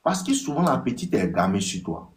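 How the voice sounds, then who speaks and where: An animated man from Ivory Coast, with an Ivorian French accent, gives dating advice in a casual live talk at a moderate pace. Repetitive and addressing listeners directly, he acts out text exchanges in a higher voice.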